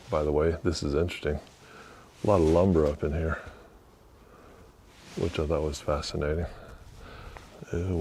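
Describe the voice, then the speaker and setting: A man vlogging as he walks outdoors beside a river under an old bridge, musing quietly and thinking aloud with fillers. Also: low-pitched, slight background noise. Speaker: vlogger exploring historic sites. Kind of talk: casual walking narration.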